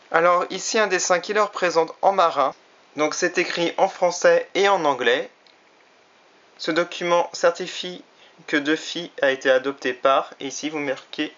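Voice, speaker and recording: Male toy reviewer, fairly high voice, chatty and hesitant, muffled lo-fi camera mic. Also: a bit bright. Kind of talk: casual product review. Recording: slightly dull lo-fi recording.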